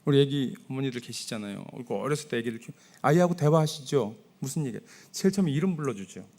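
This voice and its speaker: A male pastor giving a Sunday sermon in a church, talking to the congregation in a conversational way and softly acting out sample prayers. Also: medium pitch, lively intonation, racing, vocal fry. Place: church sanctuary.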